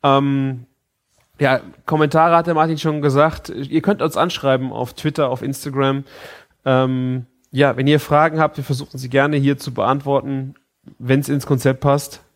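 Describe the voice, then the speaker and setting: A man speaks in a drowsy early-morning voice as he co-hosts a chatty podcast. He is laid-back and teasing, with a middle-pitched voice. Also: flat delivery, normal speed. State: sleepy morning voice. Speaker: podcast co-host. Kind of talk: casual chat.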